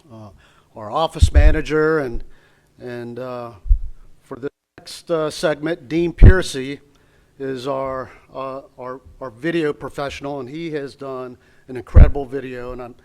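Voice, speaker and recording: A man's voice: medium pitch, steady tone, a little slow, a little mellow. A man from the training staff acting as emcee at a graduation ceremony, introducing the next segment with many restarts. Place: ceremony hall.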